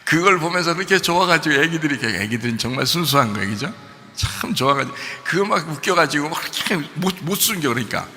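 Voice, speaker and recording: Animated Korean pastor preaching in a hall. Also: male voice, a little high, quick pace, faint music behind. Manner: animated, acts out voices of adults and God. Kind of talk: sermon. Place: church sanctuary.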